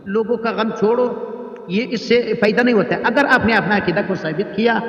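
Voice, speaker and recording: A man's voice: high voice, a bit bright, dull audio. A man debating in a heated religious argument, terse and challenging, heard through a poor microphone. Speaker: debate opponent. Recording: echoey, reverberant, poor mic.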